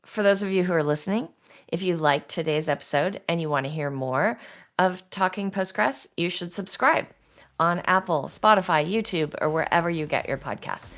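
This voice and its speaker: Low-pitched woman hosting a podcast. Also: normal speed, a bit bright. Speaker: podcast host.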